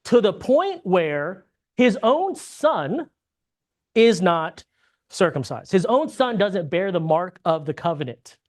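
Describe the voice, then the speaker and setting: Taking it slowly, this American Bible class teacher speaks with a medium pitch and lots of animation. The lesson is conversational, full of tag-question check-ins with the class and sentences that restart with words repeated mid-sentence.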